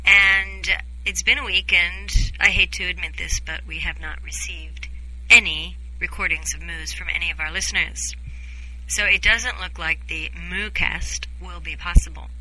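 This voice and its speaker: A woman's voice: fairly low pitch, fairly even intonation, moderate pace, pushed and bright, low-quality recording. A woman hosting a podcast in a casual, chatty co-hosted style. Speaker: podcast host.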